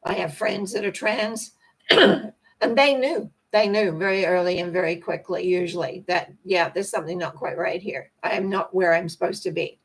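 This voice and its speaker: An older woman with a hoarse, croaky voice that cracks and needs clearing. She hosts a spiritual talk on personal growth, chatting in a loose, rambling manner. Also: on the low side, steady tone, moderate pace, low-quality recording. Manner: rambling, conversational. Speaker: host.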